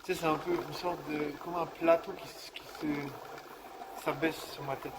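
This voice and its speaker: This outdoor vlog features a young man with a fairly high, steady voice at a normal pace, over background noise. His slangy, meandering monologue covers his day and the bug he's coming down with in the cold, with plenty of self-mockery.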